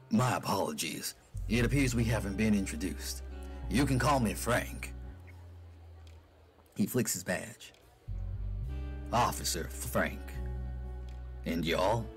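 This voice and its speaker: A man voicing a smug, gravelly male husky police officer who drawls out his sly, suspicious lines. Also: on the low side, lively intonation, slow, pauses often, faint music behind. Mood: smooth.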